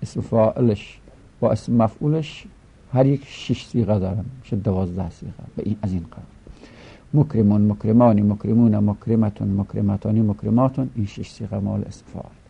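A man's voice: fairly low pitch, creaky, dark tone, husky. A man teaching a grammar lesson, reciting verb forms in a rhythmic, chanting way. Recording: dull lo-fi recording.

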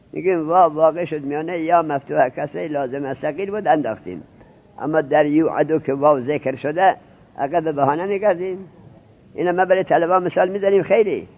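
A man teaching grammar, firing questions at his students and walking them through each rule. His voice sits a little high for a man. The sound is thin and narrowband, like an old phone line. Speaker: seminary teacher. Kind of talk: Arabic grammar lesson in Persian. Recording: tinny lo-fi narrowband recording.

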